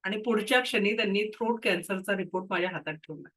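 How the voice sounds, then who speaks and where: A woman's voice: mid-range voice, fast, fairly bright tone, low-quality recording. Woman with a cold teaching reiki. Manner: explains patiently, tells case stories. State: has a cold and cough. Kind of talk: spoken lesson to students.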